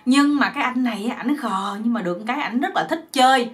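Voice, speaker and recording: A woman's voice: a little high, quick pace. A woman with a Southern Vietnamese accent telling a folk joke story in a chatty, rambling, folksy way.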